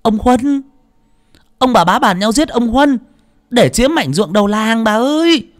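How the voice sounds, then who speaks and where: A man's voice: sits high, sing-song, unhurried, voice pushed up. A man voicing a frightened twelve-year-old servant boy in an audiobook story, stammering and breathless. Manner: stammering, breathless, repeating words in panic.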